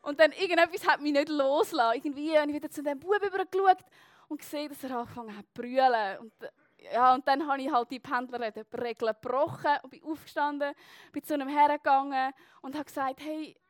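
A young woman with a Swiss German accent tells a personal story to a live audience, chatty and loose, full of little fillers and tag questions. Her voice sits high. The sound is close and dry, with no room around it. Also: a little fast, dry recording.

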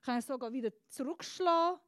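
Delivering a sermon, this woman speaks slowly and deliberately, pausing often, her high, bright voice dropping to soft hushed lines before rising into loud, emphatic appeals. The close handheld microphone gives a dry sound with no room ambience.

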